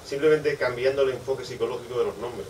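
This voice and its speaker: Discursive publisher, distant mic. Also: male voice, medium pitch, quick pace, a little mellow. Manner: discursive, piles up asides and repeats "es decir". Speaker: book publisher on a panel. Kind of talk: panel discussion. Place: bookshop event space. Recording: distant mic, faint room noise.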